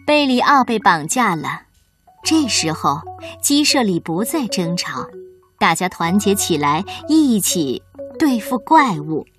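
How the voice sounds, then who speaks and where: A woman hosting and reading a children's bedtime story aloud, gentle and expressive. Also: medium pitch, slow pace, faint music behind.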